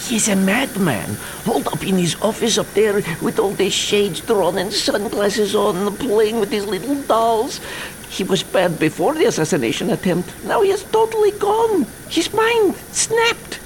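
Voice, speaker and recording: A man voicing a frightened kitchen servant who speaks in an anxious, hushed way. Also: high-pitched, big pitch swings, measured pace, slight background noise, pitched above the performer's own voice, poor audio. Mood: fearful. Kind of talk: audiobook character reading.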